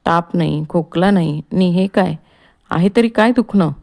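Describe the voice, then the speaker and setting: A woman's voice: lowish voice, moderate pace, creaky, darkish tone. A woman reading the part of an ailing, restless older man who frets and complains about being kept in bed. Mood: fretful. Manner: complaining, agitated.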